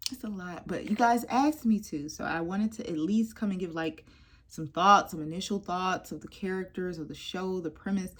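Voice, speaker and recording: Chatty woman reviewing TV. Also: fairly low pitch. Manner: animated, drops to stage whispers for asides. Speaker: YouTube TV reviewer. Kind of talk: casual review vlog.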